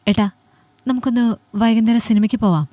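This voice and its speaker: A woman's voice: a little high, brisk, dark tone, dry recording, close to an everyday voice. A woman playing a wounded, pleading housewife. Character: hurt, hard-pressed young housewife. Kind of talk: Malayalam audiobook storytelling.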